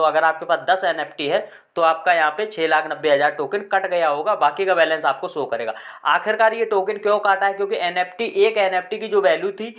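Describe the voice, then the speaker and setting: A man hosts a crypto channel and talks viewers through a screen-recorded tutorial. He explains each step plainly, checking in with "ठीक है" along the way. When he reads English text aloud, he slows down and stumbles through it. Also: sits high, fairly bright tone.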